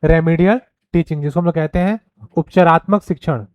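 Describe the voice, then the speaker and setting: A man giving a recorded pedagogy lecture, explaining point by point and checking in with listeners, reading headings slowly. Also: fairly high pitch, dry recording. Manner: reads headings slowly and deliberately. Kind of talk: recorded lecture, mixing Hindi and English.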